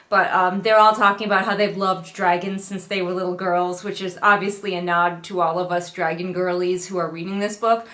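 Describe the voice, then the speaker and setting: A middle-aged woman hosting book reviews reads along and comments casually, sounding exasperated and sarcastically acting out quotes as she goes. Her voice is medium in pitch and a little bright.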